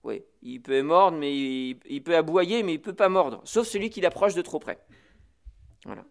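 A man, a priest, giving spiritual instruction on the prayer office. He talks in a lively, chatty way and reads Latin phrases slowly before explaining them. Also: a little high, vocal fry. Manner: lively, chatty teaching peppered with "voilà" and "vous voyez".

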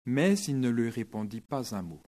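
A male preacher giving a sermon, retelling a scripture story in a lively, dramatic way. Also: mid-range voice, moderate pace, a little hiss or hum.

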